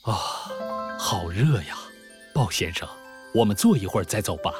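A man voicing a clever, eager young prince in a children's storybook, with a lively, playful delivery. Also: fairly low pitch, normal speed, over music, voice pushed down, close to an everyday voice. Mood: weary.

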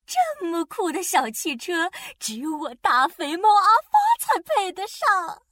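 A woman's voice: very high voice, very animated, a little slow, a bit bright, no echo, studio quality, voice pushed up, full character voice. A woman voicing a greedy, boastful fat tomcat villain in a children's storybook, swaggering and bossy. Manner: swaggering, bossy, gloating laughs.

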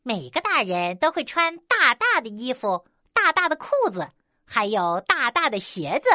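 A boastful little monkey, played by a woman in a storybook, high and bright with a lively sing-song swing. He sounds pleased with himself, in a dry, close sound. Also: normal speed, no echo, exaggerated voice. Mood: smug. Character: smug clever little male monkey. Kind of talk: children's storybook voice acting.

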